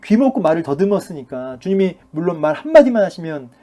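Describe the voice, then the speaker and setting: Male pastor giving a bible class, kinda high but mellow voice, lots of "uh"s and "right?"s. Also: very animated, fast talker. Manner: conversational, many fillers, asks the audience rhetorical questions. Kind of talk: sermon-style Bible lecture.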